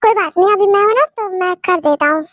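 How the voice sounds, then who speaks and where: A woman's voice: very high-pitched, fast talker, a bit bright, no echo. A woman voicing a playful, persistent young man who coaxes and teases in a fan-made audio drama. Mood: caring. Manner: playful, coaxing.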